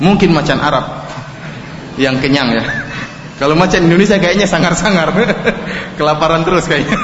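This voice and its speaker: A man preaching an Islamic lecture in an animated way, joking and acting out the people in his examples. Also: fairly high pitch. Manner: animated, jokes and laughs, acts out quotes. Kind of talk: religious lecture. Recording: echoey hall, dull lo-fi, faint noise.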